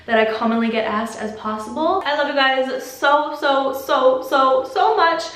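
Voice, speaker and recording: A young adult woman vlogger answers viewer questions in a casual video, speaking candidly and chattily and saying "like" constantly. Her voice is high and fairly bright, her pace measured, and the recording has a roomy echo.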